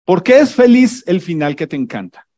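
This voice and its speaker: A man, a pastor, preaching a sermon in an animated, teasing way, firing off rhetorical questions. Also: high voice, moderate pace.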